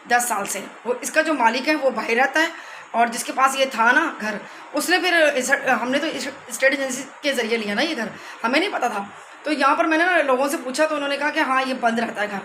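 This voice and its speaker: A middle-aged woman chats through a casual home vlog. She talks in an animated way as she walks about her rented house with a phone camera. Faint household noise sits behind her voice. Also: high-pitched, reverberant, low-quality recording. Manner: chatty and animated, retelling arguments. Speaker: vlogger.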